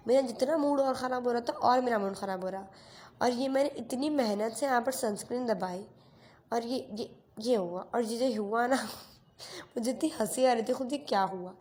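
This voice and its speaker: A teenage girl narrates a casual get-ready-with-me vlog from her bedroom, recorded on a phone camera. Her voice is a little high with a darkish tone, and she's chatty and self-mocking, mixing English phrases into Hindi.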